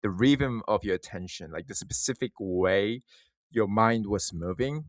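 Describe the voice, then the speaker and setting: Low-voiced man musing haltingly. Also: no room sound, studio quality. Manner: hesitant, halting phrasing with repeated false starts; musing, thinking aloud. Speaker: video essay creator. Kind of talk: informal reflective monologue to listeners.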